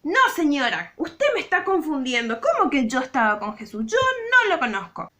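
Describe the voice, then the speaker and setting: A woman's voice: high-pitched, sing-song, moderate pace, bright, forceful tone, a little hiss or hum, full character voice. A woman voicing a frightened male fisherman apostle who protests and pleads, with a Rioplatense Spanish accent. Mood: defensive denial.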